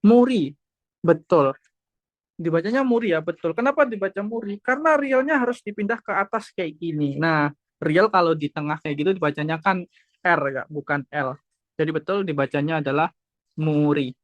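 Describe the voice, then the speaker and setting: A woman teaching a class over a video call, explaining slowly, repeating points and checking that everyone understands. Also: sits low, expressive, no echo. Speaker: Korean language teacher. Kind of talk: online class lesson.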